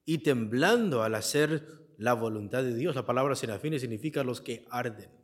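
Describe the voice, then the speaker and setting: A man preaching a Bible exposition sermon in a church, reading scripture verse by verse and pausing to ask the congregation to fill in the key word. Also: medium pitch, lively intonation. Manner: asks the congregation questions and leaves the answer word for them to fill in; reads scripture aloud and explains it verse by verse. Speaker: pastor.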